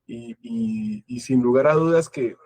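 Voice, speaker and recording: A man's voice: medium pitch, big pitch swings, unhurried, darkish tone, a little hiss or hum. A Colombian man giving a conference talk as a guest lecturer, thoughtful and searching for his words.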